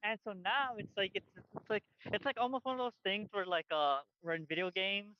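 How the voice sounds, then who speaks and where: A man's voice: high voice, normal speed, lo-fi sound, a little hiss or hum. A man co-hosting a podcast in casual chat, rambling with lots of fillers and restarts while wearing headphones. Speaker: podcast co-host. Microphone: headphones on, outdoors by a busy street.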